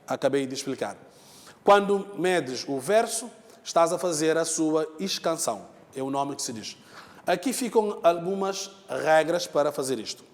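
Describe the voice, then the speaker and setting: A man's voice: fairly high pitch, expressive, moderate pace, long reverb tail. A man teaching a lesson, explaining step by step, repeating key terms and checking in with the students. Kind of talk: televised lesson.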